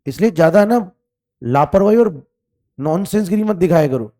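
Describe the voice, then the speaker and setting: A man's voice: sits high, lively intonation, normal speed, mellow. A man teaching chemistry in an online exam-prep class, asking questions, repeating them and scolding students for lazy answers.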